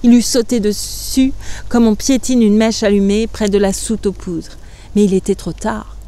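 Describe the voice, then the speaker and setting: A woman narrating a classic novel aloud with measured, expressive delivery. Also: medium pitch. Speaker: reader. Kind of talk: literary reading aloud.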